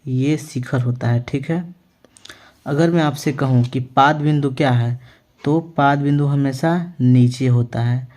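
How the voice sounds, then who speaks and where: Mellow-voiced man teaching maths. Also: mid-range voice, steady tone, a little slow. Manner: repeats questions to the viewers and answers them himself; ends phrases with a reassuring check-in. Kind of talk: classroom-style lesson.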